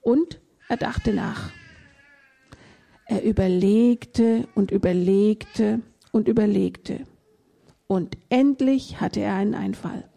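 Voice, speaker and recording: A woman reading a children's story aloud in a gentle storytelling manner. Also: medium pitch, slow, vocal fry, pauses often. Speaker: reader.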